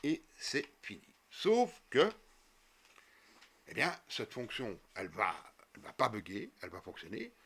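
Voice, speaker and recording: A man walking viewers through a coding tutorial step by step as he types, with frequent fillers and quick self-corrections. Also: fairly low pitch, wildly swooping pitch, a bit bright, husky. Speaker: programming tutor. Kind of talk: screen-recorded coding tutorial.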